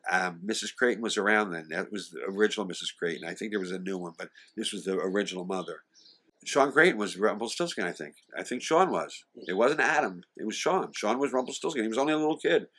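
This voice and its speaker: With a deep, sharp-toned voice, a sixty-something singer and actor reminisces as an interview guest. He occasionally stutters and restarts, slipping into the voices of the people he quotes.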